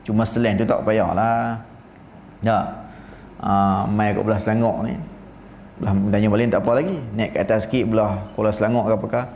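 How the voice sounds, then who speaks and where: A man with a northern Peninsular Malaysian Malay accent giving a religious lecture, telling stories in an animated way. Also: lowish voice, brisk, a little hiss or hum. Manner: animated storytelling, mimics recitation styles. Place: seminar room. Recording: roomy seminar room, faint ambience.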